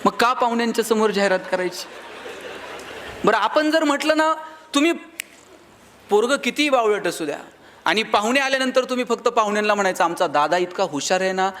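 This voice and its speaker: A man's voice: extremely high pitch, animated, a little fast, long pauses, a bit bright, slight background noise. A man giving a live motivational speech to an audience, telling funny stories and acting out the people he quotes. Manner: humorous storytelling, acts out quoted people. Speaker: motivational speaker.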